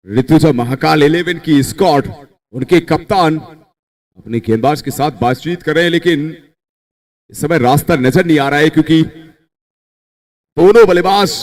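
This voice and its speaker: A man giving excited live cricket commentary, his voice leaping up on the big shots. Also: on the high side.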